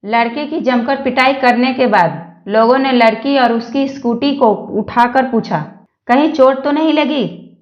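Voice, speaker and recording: Slow high-voiced woman reading jokes. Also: roomy sound, muffled recording. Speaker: joke reader. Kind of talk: reading Hindi jokes aloud.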